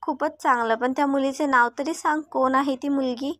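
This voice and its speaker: A woman's voice: high-pitched, steady tone, moderate pace, fairly bright tone, dry recording, clean studio sound. A woman voicing a young man who is a curious, loyal friend in a read-aloud story.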